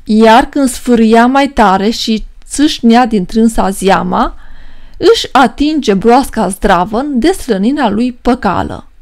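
A woman narrates a rhymed folk tale for a filmstrip. Her voice sits fairly high and moves widely in pitch, and she keeps an even verse rhythm. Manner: expressive, rhythmic verse reading.

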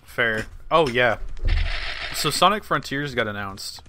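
A man's voice: mid-range voice, expressive, slow, heavy background noise. A man hosting a podcast in a loose, chatty way while playing a game. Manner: chatty, loose, with fillers and profanity. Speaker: podcast host. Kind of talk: casual chat while gaming.

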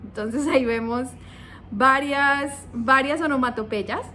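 A woman's voice: high voice, slow pace, pushed and bright, a little hiss or hum. A young adult woman teacher giving a video lesson to young writers, playful and coaxing, often checking in with the viewer.

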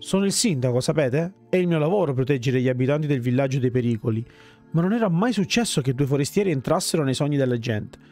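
A man's voice: mid-range voice, lively intonation, fast, mellow, lightly acted. A man voicing a worried village mayor from a fantasy game, reading his lines earnestly over game music.

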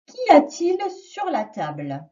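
A woman teaching a reading lesson to a young child, slowly and patiently stressing each sound. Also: on the high side, huge pitch swings, mellow, recorded from a distance, lo-fi sound. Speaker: primary school teacher.

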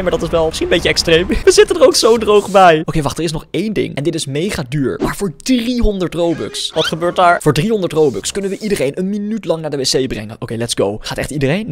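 An excitable man commenting on his gameplay, with a slightly high voice that leaps up and down with lively swings. He bursts into loud yelps and then drops to low muttered asides. Upbeat game music plays clearly underneath. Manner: energetic, exclamatory, jumps between loud yelps and low asides. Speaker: gaming YouTuber.

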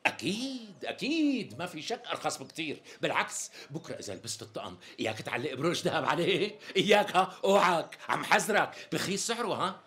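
A wheedling Damascene tailor in a TV sketch comedy. His patter runs quick and lively, climbing high and dropping low as he flatters and stalls, his voice sitting a little above a typical man's. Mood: sweet-talking. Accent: Damascene Arabic. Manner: wheedling, evasive, chuckling salesman patter. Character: smooth-talking flattering middle-aged male tailor.

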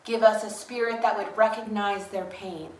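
A woman slowly reading a solemn litany of prayer for a church service. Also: medium pitch, fairly even intonation, darkish tone. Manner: measured, grave litany reading. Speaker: worship leader. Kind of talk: slow solemn liturgical reading. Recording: echoey room, distant mic, faint hiss.

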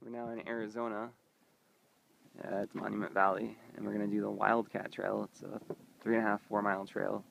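A young man from Indiana, United States, casually narrates his road trip while walking through open desert with a handheld camera. His voice is fairly low, fairly quick and creaky, and the audio quality is poor. He gives relaxed, touristy commentary as he goes.

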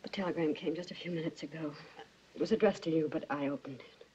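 An actress playing a gentle middle-aged mother speaking tenderly in a 1940s film. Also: deep voice, fast talker, slight background noise, lightly acted. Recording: muffled old film soundtrack.

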